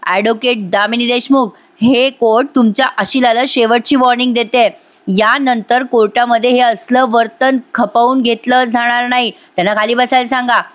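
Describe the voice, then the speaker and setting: A woman's voice: on the high side, fairly even intonation, normal speed, close to an everyday voice. A woman voicing a stern judge giving the court a commanding final warning.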